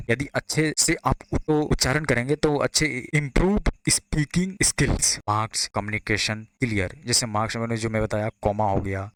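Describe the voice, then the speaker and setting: A man's voice: mid-range voice, fairly bright tone, no room sound. Man teaching a lecture. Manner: explains in Hindi, reads English definitions slowly. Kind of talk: classroom lecture.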